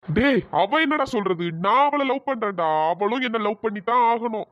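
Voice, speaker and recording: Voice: mid-range voice, moderate pace, fairly bright tone, natural voice. A voice performer playing a brash young man who boasts and pushes a girl for her phone number, with a bossy manner. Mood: boastful. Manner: bossy and threatening, then pleading. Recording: dull lo-fi voice track.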